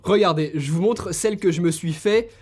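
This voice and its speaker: With soft music in the background, a young man who reviews tech recommends gifts directly to his viewers on camera. He's enthusiastic and casual, and his husky, high-sitting voice moves a little fast.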